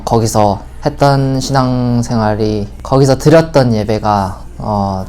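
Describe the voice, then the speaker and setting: A nineteen-year-old man answering interview questions hesitantly, his voice dropping quietly at the ends of his sentences. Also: medium pitch. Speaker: student interviewee.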